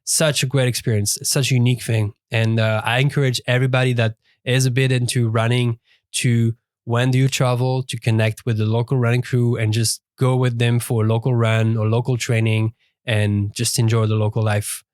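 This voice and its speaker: A man co-hosting a podcast in casual chat, speaking haltingly with many fillers and restarts. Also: medium pitch, flat delivery, darkish tone, no echo, studio quality. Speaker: podcast co-host. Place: dry studio.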